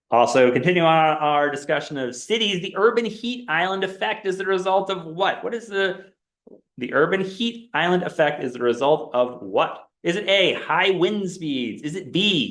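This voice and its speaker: An echoey lecture classroom carries the fairly high, slightly bright voice of a male instructor speaking at normal speed. He runs a quiz review game, reading multiple-choice options with a rising, questioning tone.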